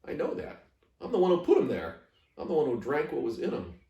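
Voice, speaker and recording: A man voicing a kindly, plainspoken old Southern woman with a folksy, gently admonishing way, as he reads a story. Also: fairly high pitch, wildly swooping pitch, fairly quick, creaky, muffled recording, voice pushed up, exaggerated voice. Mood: candid, rueful. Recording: echoey room, distant microphone.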